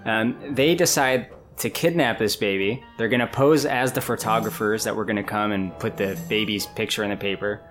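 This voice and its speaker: A man hosting a casual movie-review chat, relaxed, recapping the plot and laughing easily. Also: fairly low pitch, normal speed, few pauses, faint music behind.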